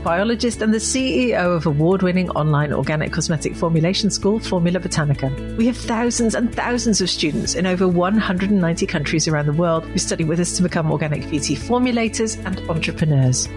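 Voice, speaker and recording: A woman hosting a podcast interview, reading a clear scripted introduction and then asking friendly questions. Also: on the low side. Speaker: podcast host.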